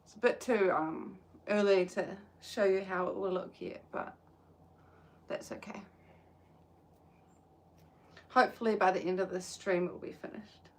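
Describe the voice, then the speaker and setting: A young New Zealand woman chats hesitantly on a crochet livestream while sitting outdoors in the sun. Her mid-range voice is steady and a little slow, with long pauses, and she is soft-spoken, saying "um" often.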